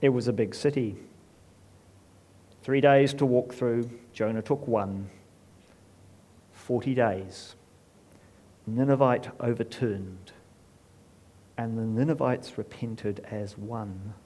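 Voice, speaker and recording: A man's voice: mid-range voice, steady tone, mellow. Solemn male storyteller. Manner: measured, solemn, with refrain. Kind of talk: scripted dramatic narration.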